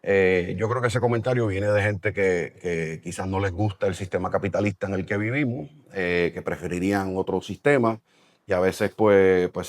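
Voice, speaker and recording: A middle-aged Puerto Rican man with a deep voice, president of a real estate development company, answers interview questions in a thoughtful manner. His Puerto Rican Spanish accent comes through, along with plenty of fillers and restarts, in a dry, studio-quality recording.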